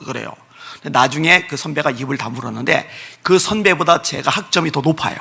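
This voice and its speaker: Male revival pastor, sharp forceful tone, slightly raspy, emphatic storyteller in church. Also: fairly high pitch, a little fast. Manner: tells personal stories with emphatic repetition. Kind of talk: revival meeting sermon. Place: church sanctuary.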